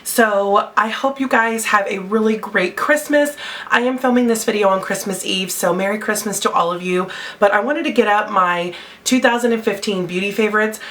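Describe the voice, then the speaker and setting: Young woman, beauty vlogger, chatty and a touch breathless, crisp clear voice. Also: mid-range voice, moderate pace, fairly bright tone, a little hiss or hum. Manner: chatty, with many fillers. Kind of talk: casual product review. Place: home, natural window light.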